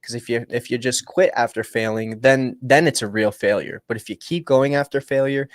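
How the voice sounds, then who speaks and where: A man's voice: medium pitch, steady tone, normal speed, no room sound, clean studio sound. Upbeat rambling young male livestream host. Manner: rambling, upbeat, restarts often and shifts between hushed and loud. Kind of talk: casual motivational livestream talk.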